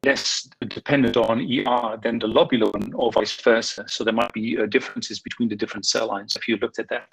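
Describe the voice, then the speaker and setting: Man, gravelly, husky, glitchy audio that keeps cutting out, video call, halting questions. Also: lowish voice, steady tone, low-quality recording. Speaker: webinar moderator. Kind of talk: moderating a scientific Q&A.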